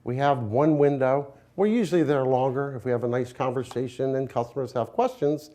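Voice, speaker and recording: A man's voice: mid-range voice, brisk, mellow. An American man, a business owner, giving a conversational promotional interview in a plain-spoken, explanatory, folksy way. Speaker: window company owner, interviewee.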